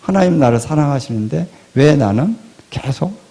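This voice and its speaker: Gravelly-voiced male pastor preaching. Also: a little high, expressive, moderate pace. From Korea. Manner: rhetorical questions, swings from loud to hushed. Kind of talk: sermon.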